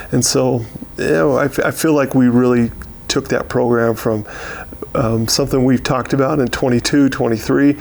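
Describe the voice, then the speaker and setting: A county sheriff from America reviews the past year, unscripted, in a gravelly mid-range voice. He keeps a steady pace while stumbling through frequent pauses and repeated words.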